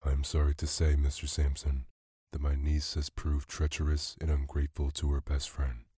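A man voicing a polished, scheming gentleman villain who speaks in a measured, composed way. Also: extremely low pitch, completely flat delivery, breathy edge, dry recording, studio quality, heavily acted. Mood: smooth.

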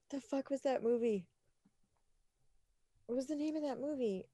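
A woman's voice: high-pitched, no room sound, clean studio sound. A woman co-hosting a podcast in casual chat, laughing and swearing freely as she tells stories. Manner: swearing, laughing, animated storytelling. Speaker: podcast co-host.

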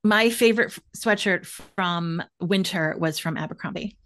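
A woman's voice: fairly low pitch, normal speed, fairly bright tone. A woman in her forties, a wardrobe stylist, giving upbeat, emphatic advice in casual chat and repeating key points. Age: 40s.

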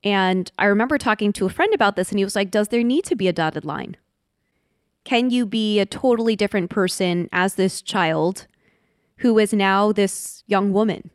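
A woman in her thirties talks through her life in a thoughtful, open way, slowing down when she reaches heavy points. Her voice is smooth and clear, and the recording is close and dry, with no room sound. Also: on the low side, no echo. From Washington, D.C., United States. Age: 30s. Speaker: podcast guest. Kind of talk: reflective interview conversation.

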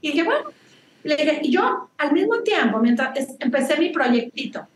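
High-voiced Mexican woman telling stories. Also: normal speed. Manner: animated, chatty, tag questions, slips into English words. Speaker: guest, business founder. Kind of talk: lively storytelling interview. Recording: roomy room with faint background noise.

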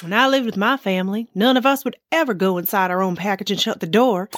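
A woman's voice: mid-range voice, fast, fairly bright tone, dry recording, studio quality, close to an everyday voice. A woman playing a friendly, talkative ball ornament in a children's audio drama, telling tales matter-of-factly. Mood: chatty. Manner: chatty, matter-of-fact storytelling. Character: chatty, friendly female Christmas ball ornament, newcomer.

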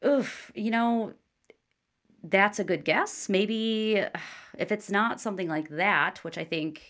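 A woman's voice: medium pitch, slow pace, fairly bright tone. A young woman co-hosting a casual chat, thinking aloud with lots of fillers. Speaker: co-host.

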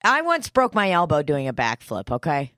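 A woman co-hosting a podcast, teasing and wry, who laughs easily. Her voice sits fairly low for a woman. The sound is dry and close to the mic. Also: huge pitch swings, moderate pace, a bit bright, no echo. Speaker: podcast co-host. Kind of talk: casual chat.

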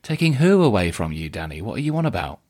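Brief: a deadpan male news anchor, lower voice, weary with his reporters. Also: quick pace. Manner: dry, exasperated. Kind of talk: satirical news presenting.

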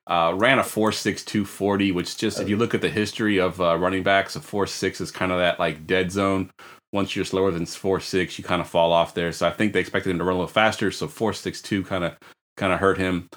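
Deep-voiced man hosting a sports podcast. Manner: relaxed, leads segments with quick prompts. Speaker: podcast host. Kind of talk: casual sports podcast chat.

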